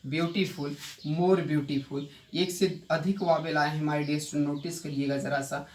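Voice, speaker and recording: A male English grammar teacher giving a classroom lesson, repeating key points and quizzing his students with quick rhetorical questions. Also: fairly high pitch, fairly even intonation. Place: coaching institute classroom. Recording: echoey room, distant mic, faint noise.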